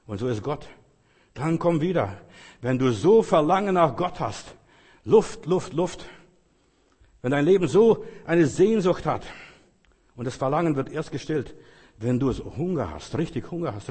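Husky preacher with hall reverb. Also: male voice, on the high side, lively intonation, moderate pace. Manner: dramatic, swings from loud outbursts to hushed murmurs. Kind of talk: sermon.

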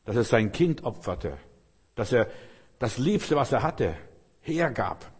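A man's voice: medium pitch, very animated, slow, breathy edge. A middle-aged man preaching a sermon with emphatic rhetorical questions and repetition.

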